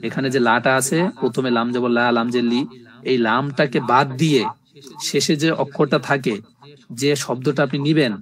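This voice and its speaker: A man with a steady, mid-range voice teaches a live online language class, explaining step by step and often pausing to check "ঠিক আছে?" to see if students follow. He then drills word forms slowly, one after another, in long repeated lists.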